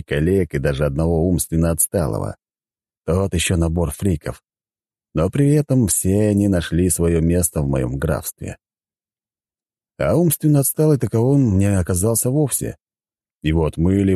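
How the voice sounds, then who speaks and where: A male audiobook narrator reads first-person prose in a wry, conversational way. His low voice moves a lot in pitch, with a dark, mellow tone. The recording is dry and close-miked. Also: no room sound.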